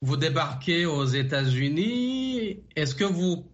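A man hosting a radio interview program, asking formal, measured questions with frequent pauses. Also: fairly high pitch, sing-song, muffled recording. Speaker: radio show host.

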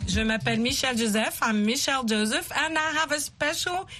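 A woman's voice: high-pitched, brisk, bright, forceful tone, soft background music. A woman hosting an English lesson in a conversational teaching style, explaining with simple spoken examples. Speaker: host of an English lesson show.

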